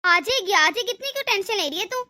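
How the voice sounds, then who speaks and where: A woman voicing a sickly, kind older mother-in-law in an animated family drama, speaking in a soothing, pleading way. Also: very high-pitched, fast, exaggerated voice. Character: sickly, kindly older mother-in-law, always defending her daughter-in-law.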